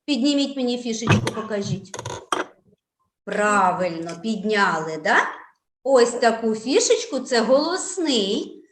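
Woman preschool teacher, high lively voice, patient and slow, echoey room. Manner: slow, patient, sing-song sounding out of syllables. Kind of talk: online preschool reading lesson.

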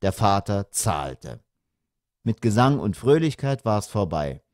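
A man narrating a humorous audiobook in a wry, lively storytelling manner. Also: lowish voice, slow pace, no echo, studio quality.

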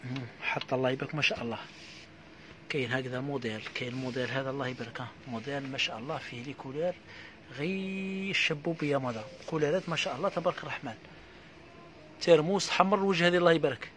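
A man with an Algerian accent giving a live sales pitch for housewares, reeling off prices in a quick patter full of repeated blessings. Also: background noise. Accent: Algerian Arabic. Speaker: housewares shop seller.

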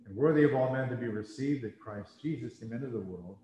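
A man leading a church service, reciting and chanting the liturgy in a slow, measured, solemn way, heard in a large church with a cathedral echo. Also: medium pitch, warm tone, a little hiss or hum. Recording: cathedral echo with long reverb, from a distance.

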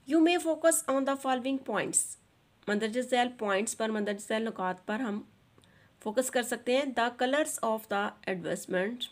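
A woman teacher with a Pakistani accent talks through a textbook lesson in a fairly high voice. She reads each English sentence slowly and deliberately, then explains it at a quicker clip.

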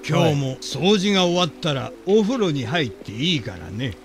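A young man voicing an easygoing bathhouse boss who calmly gives work instructions, over game music. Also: on the high side, normal speed. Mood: instructing. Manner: calm, matter-of-fact instructions. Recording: game music playing behind.

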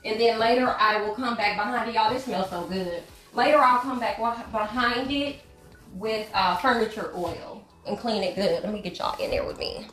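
A vlogger chats easily with her viewers while cleaning her home, gossiping and calling them y'all. She's recorded by a camera across a living room with hardwood floors, so the sound is echoey, with faint music behind. Her slightly high voice is a bit bright, at a moderate pace.

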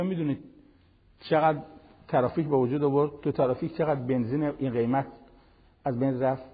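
An older man giving a televised religious lesson, preaching in an animated, conversational way with everyday examples. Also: on the high side, breathy edge, in a large hall, phone-quality sound. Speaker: Quran teacher.

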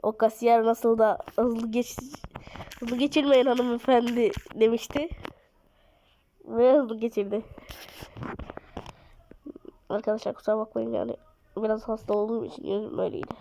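A woman giving excited live commentary on a mobile game, her voice a little off from being ill, recorded on a phone mic. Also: on the high side, normal speed, gravelly, pauses often, slight background noise, poor audio. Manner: excitable, urges and scolds the game, drops to mutters. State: slightly ill voice. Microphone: phone mic via screen recorder.

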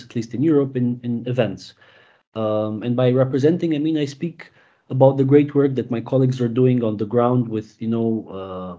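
A man's voice: mid-range voice, warm tone. A man, talking as a guest on a video call interview, rambling with many restarts and fillers. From Romania. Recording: dull lo-fi call audio.

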